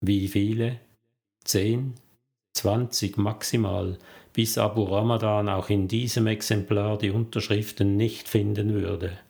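Slow, low-voiced male narrator. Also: fairly even intonation, gravelly, a little mellow. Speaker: audiobook narrator. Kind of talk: scripted thriller narration.

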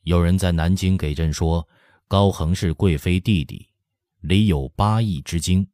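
A cold, commanding emperor speaks slowly in a deep, quiet voice, as a man acts him out. The storybook reading sounds close and dry. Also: no echo. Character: stern, cold middle-aged male emperor.

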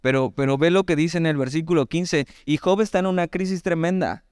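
A Mexican man preaching in a relaxed, conversational sermon style, with a Mexican Spanish accent. His voice is smooth and resonant at a mid pitch. It is recorded close and dry, with no room sound. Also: no room sound. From Mexico, Veracruz. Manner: conversational, animated asides, reads scripture slowly. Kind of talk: sermon, Bible teaching.

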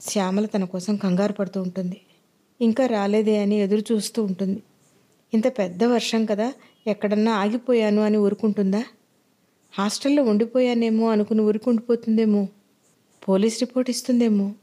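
A woman storyteller giving a measured, dramatic scripted narration. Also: medium pitch, steady tone, dark tone.

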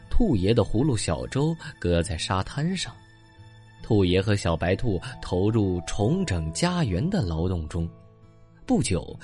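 Male sleep story narrator, very lively pitch. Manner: coaxing, addresses small children with soft sentence particles. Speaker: children's bedtime story narrator.

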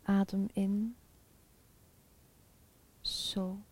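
Soft spa whisper lady leading a meditation, mellow and slow, really dry close sound. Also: mid-range voice, no echo, low-quality recording. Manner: soft, breathy, half-whispered spa-like delivery; slow, calm, soothing, with pauses. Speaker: meditation guide. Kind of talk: guided chakra meditation.

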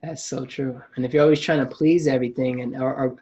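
A man's voice: medium pitch, steady tone, quick pace, dark tone, breathy edge, muffled recording. A man hosting a podcast, talking in a reflective, casual way and often restarting his sentences. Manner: reflective, frequent restarts and acted-out quotes. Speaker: podcast host.

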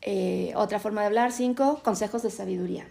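A middle-aged woman with a Mexican accent teaching a Bible class, an animated storyteller who keeps asking "¿no?". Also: medium pitch, fairly quick, gravelly. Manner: animated storyteller, tags lines with "¿no?".

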